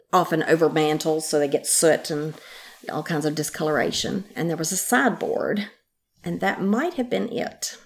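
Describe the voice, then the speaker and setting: An older woman with a slightly low voice reminisces in a careful, measured way. She talks like a longtime guide in an interview, recorded in an attic. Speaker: longtime historic house guide being interviewed. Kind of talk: conversational reminiscence. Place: in an attic room of an old house.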